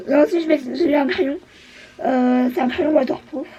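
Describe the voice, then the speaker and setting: A woman's voice: sits high, normal speed, dull audio, over a noisy crowd. A woman beauty vlogger chatting casually, hesitant and full of fillers. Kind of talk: casual chat.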